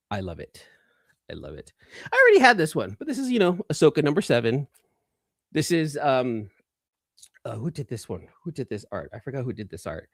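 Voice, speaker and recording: On a live stream showing off comics, the host of a collecting show chats casually and eagerly, using informal slang and repeating phrases for emphasis. His voice is medium-pitched. The recording is dry and at studio quality.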